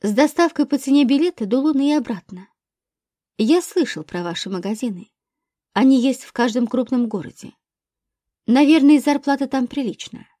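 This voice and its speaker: Woman doing a mocking male investigator, curt questions, raised pitch, warm and dry. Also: lively intonation, moderate pace, no echo. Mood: sardonic. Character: sardonic male police investigator, probing and mocking.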